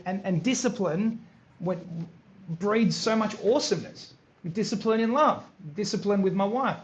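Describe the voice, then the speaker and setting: A man, chatting as a podcast guest, animated and repeating words as he tells stories. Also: high-pitched, dull audio, a little hiss or hum. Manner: animated, repeats words, acts out others in quotes. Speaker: podcast guest, business owner. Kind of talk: casual interview chat.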